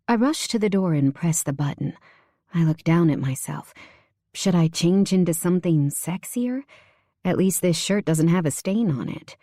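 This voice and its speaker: A woman reading a first-person romance audiobook in a soft, unhurried way, close to the mic. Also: on the low side, no room sound. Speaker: audiobook narrator.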